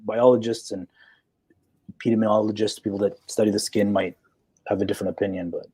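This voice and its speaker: A man's voice: lowish voice, fairly even intonation, fairly quick, warm tone, slightly rough. A man in his forties, a psychologist in a live chat, talking assertively and checking in with "okay?" as he explains. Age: 40s. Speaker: guest psychologist.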